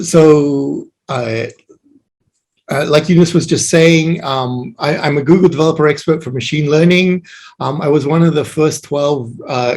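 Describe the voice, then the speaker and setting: A man giving an online meetup talk, speaking haltingly with many fillers and restarts. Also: fairly high pitch. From Australia. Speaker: guest speaker.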